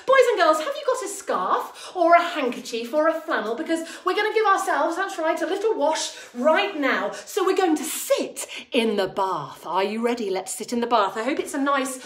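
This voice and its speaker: A woman with a high, swooping voice presents to small children like an overbright kids party host. Her delivery is exaggerated and theatrical, acting out feelings for the little ones. The sound is roomy and echoing. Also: normal speed, few pauses. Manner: theatrical, expressive, acting out emotions. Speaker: children's drama class presenter. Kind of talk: interactive presenting to young children, with singing. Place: attic-style studio room, indoors. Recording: roomy echo, music at times.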